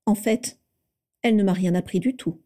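A woman's voice: medium pitch, normal speed, dark tone, natural voice. A woman voicing a smug teasing schoolboy wizard. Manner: playful, self-satisfied.

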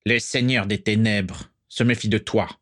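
A man doing a proud old aristocratic wizard in a storybook reading, curt and haughty, with a low voice. The recording is close and dry, with no room sound. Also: steady tone, a little slow, fairly bright tone, no room sound. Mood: haughty, cold.

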